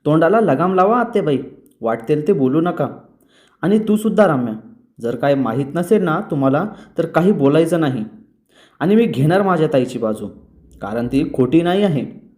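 A man's voice: on the high side, lively intonation, moderate pace, a little mellow, close to an everyday voice. A man reading the lines of a spirited young woman defending her sister. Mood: defiant. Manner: defiant, retorting.

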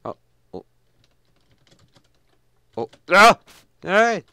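Young male gamer, unhurried goofy rambler, crisp bright voice, sudden yelps between mumbles. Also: sits high, very animated, dry recording, clean studio sound. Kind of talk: casual let's-play commentary.

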